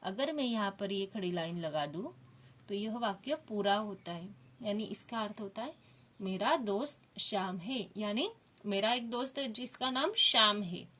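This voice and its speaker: A woman's voice: mid-range voice, lively intonation, normal speed, pushed and bright. A woman teaching a Hindi grammar lesson to children, explaining step by step and asking the class questions.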